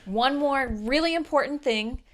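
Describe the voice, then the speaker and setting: A woman with a fairly high voice co-hosts a livestreamed film screening. She reads friendly, welcoming announcements from a script. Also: unhurried. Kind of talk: scripted event hosting.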